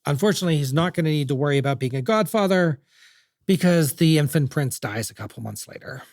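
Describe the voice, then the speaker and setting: Man, podcast host, casual jokey history talk, slightly high voice, dry close sound. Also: expressive, quick pace, darkish tone, no echo. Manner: chatty, jokey storytelling.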